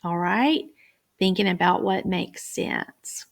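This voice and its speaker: A woman reading teacher explaining guided reading, slipping into a bright, exaggerated voice when she models talk with young children. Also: fairly low pitch, vocal fry. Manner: careful, deliberate phrasing. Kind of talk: teacher training demonstration.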